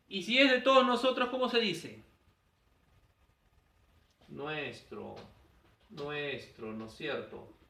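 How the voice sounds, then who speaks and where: A man's voice: a little high, bright, forceful tone. A male teacher giving a grammar lesson, firing questions at his students and answering them himself. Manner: quizzing students with rhetorical questions. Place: classroom. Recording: echoey room, voice from a distance.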